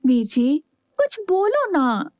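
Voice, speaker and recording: A woman's voice: sits high, very animated, takes it slowly, a little mellow, no echo, clean studio sound, pitched above the performer's own voice, full character voice. A woman voicing a young wife who coaxes and pleads in a whiny, affectionate way. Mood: coaxing.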